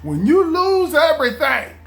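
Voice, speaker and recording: Male vlogger, lively high voice, loose casual monologue. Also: unhurried, creaky. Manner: animated, acts out friends' voices, laughs often.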